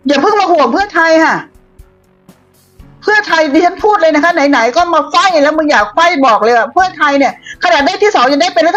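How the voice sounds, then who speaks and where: A woman's voice: high voice, fairly bright tone. A woman giving a blunt, combative political commentary monologue, scolding her opponents. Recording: dull lo-fi audio with faint music.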